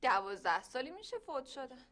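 A woman's voice: sits high, big pitch swings, a bit bright, slight background noise. An actress playing a polite young woman in her twenties, a student meeting a suitor's family. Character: shy young woman student at a courtship visit.

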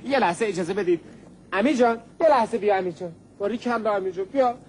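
An actor playing a pompous, short-tempered engineer who shouts when annoyed. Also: male voice, high voice, slight background noise, natural voice.

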